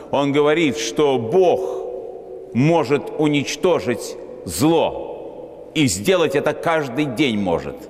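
A man preaching a sermon in a measured, solemn way with long pauses, as an Orthodox preacher in a large church. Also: mid-range voice. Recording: long hall reverb.

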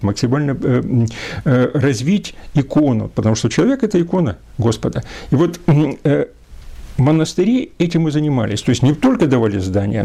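Gravelly, hesitant lecturer. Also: male voice, medium pitch, warm tone. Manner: hesitant, many filler sounds. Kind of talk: unscripted lecture.

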